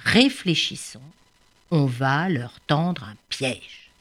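A woman voicing a small, clever male bird who speaks in a low, calm, reassuring way. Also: slow, heavily acted.

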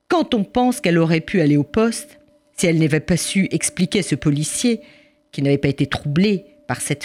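A woman telling a story in French-language oral storytelling style, animated, with hesitations. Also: deep voice.

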